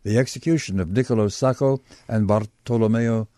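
A man hosting a radio talk show, asking probing questions in a measured way and summarizing his guest's points. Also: fairly low pitch, heavy background noise. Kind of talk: radio interview. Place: radio studio.

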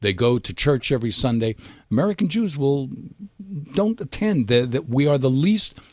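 A man from New York, a political editor guest on a radio panel, speaking in a measured, analytical way. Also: mid-range voice, very animated, a little mellow, no room sound, studio quality. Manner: measured, analytical, with hesitant restarts.

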